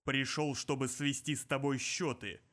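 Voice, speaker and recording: A male narrator voicing the disembodied voice of an invisible, aging bodyguard, speaking slowly and low with cold menace. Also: fairly even intonation, a bit bright, natural voice. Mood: menacing. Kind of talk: audiobook character voice.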